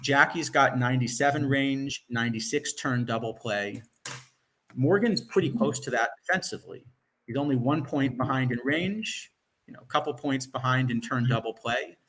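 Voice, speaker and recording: A man's voice: mid-range voice, moderate pace, fairly bright tone, a little hiss or hum, low-quality recording. A man giving casual analytical commentary on a card game, explaining his reasoning point by point.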